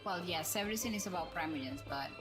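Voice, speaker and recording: Lowish in pitch and fast-talking, a woman hosts a livestream while playing a game. She thinks aloud in chatty, meandering commentary with background music.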